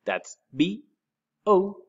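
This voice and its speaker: Chilean man as a school English teacher, unhurried and animated delivery, muffled lo-fi sound. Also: sits high, husky. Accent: Chilean Spanish. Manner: spells words letter by letter, repeats them slowly with rising stress. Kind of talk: recorded vocabulary lesson for pupils.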